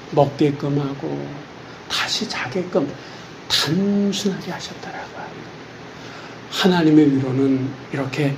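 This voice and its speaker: A middle-aged male pastor preaching a sermon in an animated way, often asking the congregation rhetorical questions. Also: a little high, a little hiss or hum, low-quality recording.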